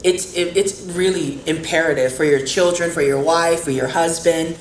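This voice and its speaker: Deep-voiced and fairly even in intonation, this woman speaks at a normal speed as she hosts a casual podcast interview. She talks earnestly and encouragingly about faith and family; the room sounds roomy, with faint background noise.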